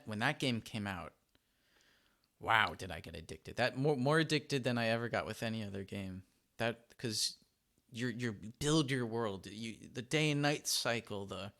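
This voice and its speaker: Gravelly, bright-voiced young man chatting. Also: mid-range voice. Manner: animated, emphatic, repeats himself. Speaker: podcast co-host. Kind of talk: casual chat.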